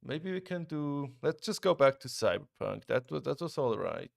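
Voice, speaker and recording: A relaxed young Swiss gamer streams live, talking to chat, reacting as he plays, and frequently restarting his sentences. His voice is medium-pitched and gravelly, at a moderate pace. The sound is clean studio audio without echo.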